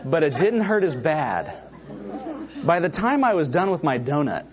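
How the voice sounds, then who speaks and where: The audio is dull as a middle-aged pastor, voice a little high and pace a little slow, delivers a sermon. He animatedly tells personal stories and breaks off with asides to his congregation.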